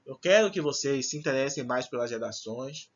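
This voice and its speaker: A man's voice: mid-range voice, animated, brisk, highs cut off. A male teacher giving a recorded lesson, explaining patiently and checking in with frequent questions to the class. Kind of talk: recorded online Portuguese lesson.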